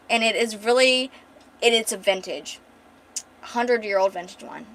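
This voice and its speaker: A woman's voice: fairly high pitch, takes it slowly, a bit bright, slight background noise. A woman artist and streamer chatting casually while reading her comic script, rambling with many fillers and self-corrections.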